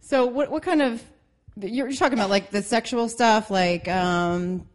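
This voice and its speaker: A woman's voice: on the high side, unhurried. A young woman co-hosting a casual podcast chat, talking loosely with lots of fillers and laughing often. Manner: chatty, giggly, filler-heavy. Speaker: podcast co-host.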